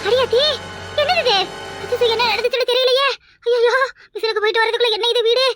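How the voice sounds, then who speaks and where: A woman's voice: extremely high pitch, fast, bright, forceful tone, dry recording, clean studio sound, soft background music. A woman voicing a frantic young daughter-in-law. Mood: panicked. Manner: panicked, wailing, accusing. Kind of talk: cartoon voice acting.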